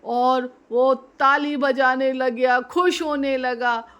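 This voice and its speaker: A woman narrating a children's fable in a gentle, expressive storytelling manner. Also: sits high, slow, clear, resonant tone.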